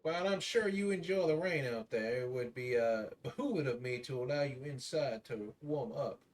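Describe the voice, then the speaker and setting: A man voicing a gruff little settler in a tabletop game, folksy and courteous with old-fashioned formal phrasing. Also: medium pitch, normal speed, lightly acted. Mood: courteous welcome.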